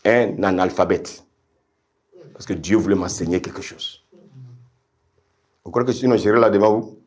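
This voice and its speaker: A middle-aged man preaching a sermon with passion, repeating phrases, dropping to low asides and climbing to high shouted refrains while calling out to his congregation. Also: normal speed. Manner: addresses the congregation directly with call-and-response.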